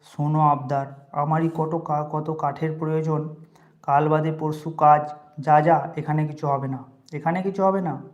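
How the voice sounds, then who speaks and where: An irritated old landowner in a read-aloud tale, as the narrator puts him on. He dismisses requests with short, impatient commands in a dark, mellow voice. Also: mid-range voice, a little fast, lo-fi sound, lightly acted. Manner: impatient, brushes people off.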